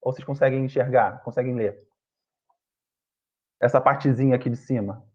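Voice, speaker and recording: A man's voice: mid-range voice, fairly even intonation, normal speed. A man teaching an online grammar lesson, explaining step by step and often checking in with his students. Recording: dull lo-fi online class audio.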